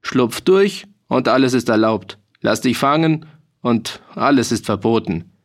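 A man's voice: medium pitch, a little slow, natural voice. Brief: male reader as a hearty mercenary, boastful and merry, talking in old dialect. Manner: hearty, bragging, dialect-heavy. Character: boastful, jolly grown male mercenary soldier. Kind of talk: audiobook reading.

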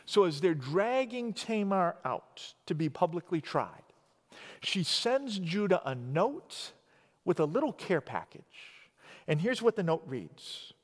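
Male preacher, high voice, casual storytelling sermon, big reverberant hall. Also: very animated, slow pace. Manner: storytelling, conversational retelling with dramatic emphasis.

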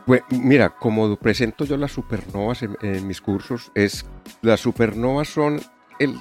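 A man's voice: medium pitch, a little slow, darkish tone, soft background music. A man with a nasal, honking voice stuffed up by a winter cold, explaining things casually in a podcast conversation. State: congested with a head cold. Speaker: astronomy science communicator, podcast co-host.

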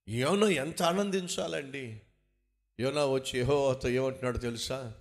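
A man preaching a sermon, firing rhetorical questions and acting out the words of biblical figures. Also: medium pitch. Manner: animated, rhetorical questions, acts out biblical speakers. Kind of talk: Telugu sermon.

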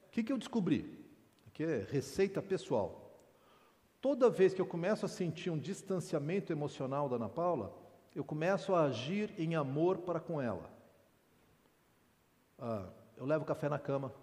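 A man's voice: a little high, sing-song, normal speed, pauses often, mellow. A middle-aged man, preaching informally to a men's meeting with candid humorous asides. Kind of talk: conversational sermon. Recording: long reverb in a large hall.

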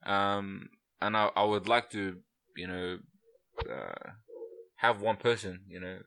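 A man's voice: low-pitched, unhurried, fairly bright tone. A man in his twenties co-hosting a casual podcast chat, laid-back, laughing often and saying "bro" and "you know" a lot. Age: 20s. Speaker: podcast co-host.

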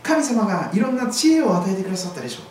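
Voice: medium pitch, big pitch swings, rapid-fire, darkish tone, slight background noise. A pastor giving a sermon, telling a scripture story vividly. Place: church hall. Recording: very echoey hall, voice far from mic.

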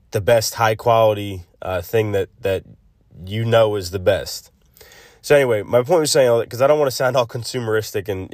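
A man hosting a casual solo devotional podcast, thinking aloud haltingly, recorded on a phone's built-in mic instead of a proper microphone. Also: lowish voice, a little mellow, no room sound. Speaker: podcast host. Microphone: built-in phone mic, no separate microphone. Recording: close, dry phone recording.

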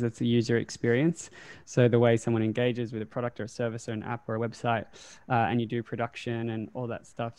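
Male interviewer, crisp and level delivery, conversational, reflective and probing. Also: mid-range voice, a little mellow, no echo. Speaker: interviewer, podcast host.

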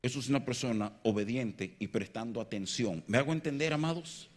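A man preaching a sermon, swinging between loud emphatic peaks and quiet low passages and joking with his congregation. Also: brisk. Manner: jokes and banters with the congregation.

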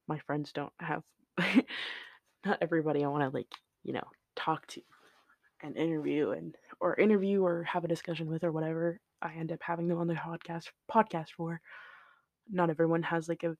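A man's voice: a little high, a little mellow, no room sound. A man hosting his own solo podcast, talking casually in a rambling, tangent-prone way with lots of "like" and "um" and some swearing, into his home microphone. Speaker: podcast host.

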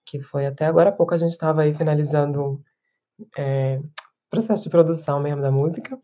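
A woman's voice: low voice, fairly quick, warm tone. A woman in her thirties, a musician and performer, talking reflectively in an interview with restarts and tag questions. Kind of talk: casual interview talk.

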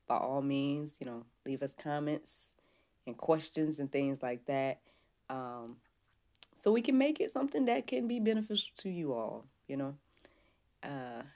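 A woman with a very deep, slightly mellow voice hosts a casual faith-based livestream as a podcast host. She chats informally and devoutly, with frequent praise and interjections.

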